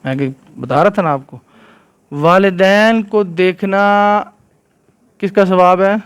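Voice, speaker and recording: A teacher leads a lesson for young listeners, chanting Arabic verses between his explanations. He keeps checking in with them, asking whether they understand. His voice sits on the high side and comes through smooth and resonant. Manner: keeps quizzing listeners with "right?". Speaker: Islamic scholar teaching children. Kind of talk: religious lesson with Quran recitation.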